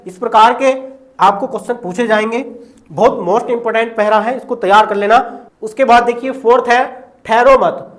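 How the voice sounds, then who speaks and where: High-voiced man teaching exam poetry. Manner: repeats "ठीक है" constantly, explains line by line. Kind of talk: exam-prep lesson explaining poetry.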